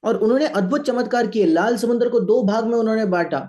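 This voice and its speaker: A man's voice: high-pitched, fast, mellow, lo-fi sound. A man interpreting a sermon line by line, speaking steadily with small restarts.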